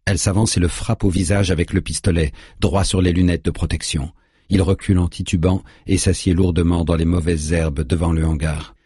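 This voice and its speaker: A man narrating an audiobook in a grave, measured way, recorded on a close studio mic. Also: low voice, fairly even intonation, mellow, breathy edge, no room sound.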